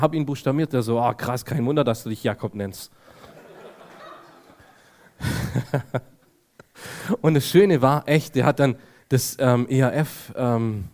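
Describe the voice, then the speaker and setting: Male preacher, mid-range voice, tells a lively story and plays both sides of the dialogue. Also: mid-range voice. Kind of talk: testimony storytelling to a congregation.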